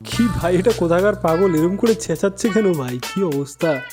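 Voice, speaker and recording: A man's voice: sits high, lively intonation, moderate pace, over music. Meme-reaction host, male, teasing sing-song delivery, heavy beat behind. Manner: mocking, sing-song asides. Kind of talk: casual reaction commentary.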